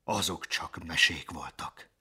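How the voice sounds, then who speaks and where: A man voicing a gentle father lion in a storybook reading, speaking low and subdued. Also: breathy edge, full character voice.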